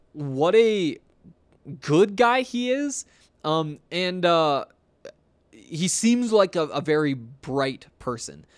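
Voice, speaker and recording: An American man hosting a sports podcast, talking casually and haltingly as he thinks aloud and works through sponsor reads. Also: fairly high pitch, smooth, no echo. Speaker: sports podcast host reading sponsor spots. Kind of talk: casual talk with semi-improvised ad reads.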